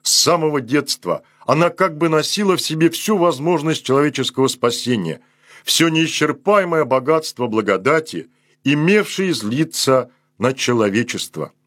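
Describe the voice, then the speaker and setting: Male priest, sermon reading: husky tone, dry close sound, unhurried, phrases falling at the ends. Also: fairly high pitch, lively intonation, a bit bright, no room sound. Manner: slow and measured, voice sinks at the close of each phrase. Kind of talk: solemn read sermon.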